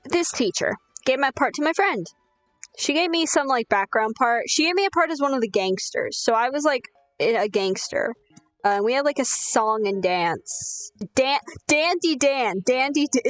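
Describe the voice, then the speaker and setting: A woman's voice: fairly high pitch, dry recording. A young woman telling a rambling, sweary, self-deprecating story while gaming. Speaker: gaming streamer.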